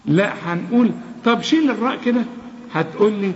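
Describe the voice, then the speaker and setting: A man with an Egyptian accent teaching tajweed, reciting verses slowly and melodically, then quickly explaining the rules. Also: high voice, animated. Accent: Egyptian Arabic. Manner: alternates slow melodic recitation with quick spoken correction. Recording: dull lo-fi audio with long reverb.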